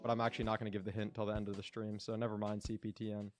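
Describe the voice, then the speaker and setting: A man's voice: lowish voice, monotone, very fast, soft background music. A man streaming a game, rambling casually and talking to his chat. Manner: rambling, chatty, talks to chat. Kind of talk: casual gameplay commentary.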